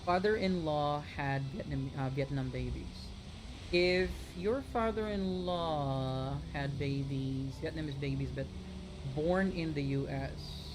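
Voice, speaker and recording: A streamer from the Philippines talks casually to a live chat at a middle pitch. The delivery rambles, doubles back on itself and addresses viewers directly, with a faint noise underneath. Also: slow pace. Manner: chatty, rambling with many restarts, talks straight to viewers. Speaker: gaming streamer.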